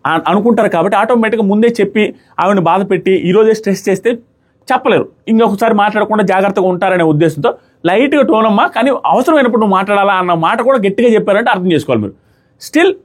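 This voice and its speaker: A man giving a casual, animated review of a reality show and talking straight to his viewers. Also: high-pitched.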